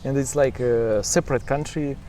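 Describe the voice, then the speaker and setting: Man, mid pitch, dark mellow tone, casual interviewer, choppy non-native English phrasing, faint noise. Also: steady tone, moderate pace.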